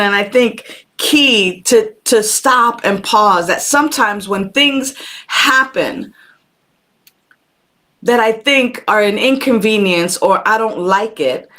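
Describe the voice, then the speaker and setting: With a fairly high, slightly bright voice and lively intonation, this woman speaks slowly while hosting a live-streamed spiritual talk. As minister and show host, she names viewers in greeting and repeats phrases for emphasis in a conversational preaching manner, picked up by a camera microphone.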